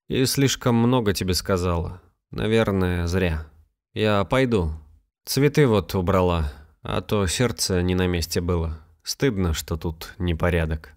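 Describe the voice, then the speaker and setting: A man voicing a weary, plain-spoken old village grandmother in a storybook reading, with a raised, rustic, sighing delivery. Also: sits low.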